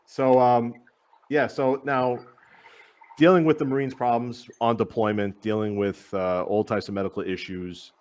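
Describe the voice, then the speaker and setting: A man's voice: medium pitch, fairly even intonation, unhurried, darkish tone. A man in his thirties hosting a podcast, chatty and friendly, asking questions and laughing easily. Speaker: podcast host, Marine veteran. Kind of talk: casual interview conversation.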